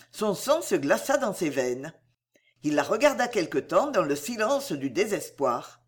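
A woman narrates a classic novel aloud in measured, expressive sentences. Her pitch moves in a lively way through the story. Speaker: audiobook narrator. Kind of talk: novel reading.

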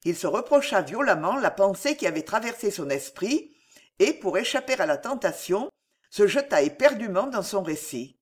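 A woman narrating a historical novel aloud in a dramatic, expressive way. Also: mid-range voice, moderate pace, slightly rough. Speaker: audiobook narrator.

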